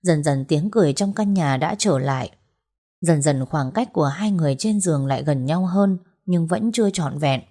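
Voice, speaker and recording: A woman reads a family drama aloud as an audiobook. Her voice sits low and sounds mellow and soft. She keeps a steady, unhurried storytelling pace. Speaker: narrator.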